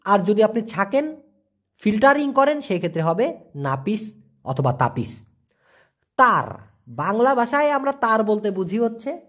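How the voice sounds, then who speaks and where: A language teacher, giving a casual lesson and asking and answering their own questions. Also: medium pitch. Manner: asks rhetorical questions and repeats words to drill them.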